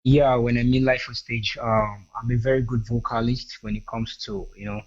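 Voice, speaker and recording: A man guesting on a radio interview, with a mid-range voice. He restarts his sentences often and fills every pause with "you know." The audio is dull and lo-fi. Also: mid-range voice, fairly even intonation. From Edo State, Nigeria. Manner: hesitant, full of "you know" fillers and restarts. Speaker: singer and guest.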